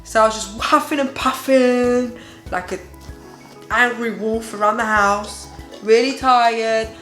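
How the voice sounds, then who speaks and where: A young woman with a slightly high voice talks as a tired, worn-out parent having a candid rant. She is conversational and emphatic, addressing viewers directly like a confessional parenting vlogger, with music in the recording. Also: steady tone, takes it slowly, a bit bright. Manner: exhausted, weary parent venting candidly. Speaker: parenting vlogger and host, mother of a baby. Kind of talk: casual confessional chat to viewers.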